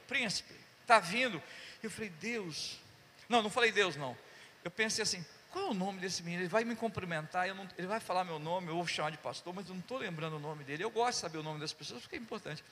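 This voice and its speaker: Man, pastor, animated sermon storytelling, high voice, hall reverb. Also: fast, slight background noise. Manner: animated, acts out dialogue, calls "Amém?" to the congregation. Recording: long church hall reverb.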